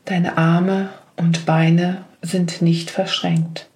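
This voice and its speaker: Female meditation guide; calm, level delivery, unhurried pace. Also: lowish voice. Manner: slow, gentle spoken instructions.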